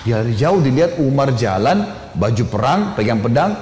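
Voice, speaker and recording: Animated male preacher in an echoing hall. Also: medium pitch, moderate pace. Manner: animated, colloquial, with rising emphasis. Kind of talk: storytelling sermon. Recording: echoey hall, faint noise.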